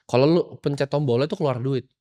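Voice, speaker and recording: A man's voice: medium pitch, fast, mellow, no room sound. A man, lecturing in a confrontational, mocking rant as a finance vlogger. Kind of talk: ranting motivational lecture.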